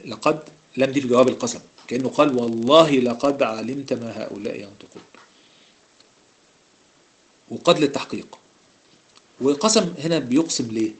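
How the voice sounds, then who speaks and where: Egyptian man, middle-aged, preacher; very rapid, animated, rhetorical questioning style. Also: mid-range voice. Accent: Egyptian Arabic. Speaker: preacher explaining Quran verses. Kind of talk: religious lesson in colloquial speech.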